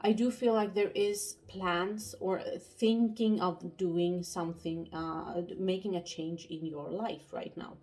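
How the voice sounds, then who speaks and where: Breathless young woman, pregnant, halting tarot reader, casual monologue. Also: lowish voice, fairly even intonation, darkish tone. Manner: halting, many fillers and restarts.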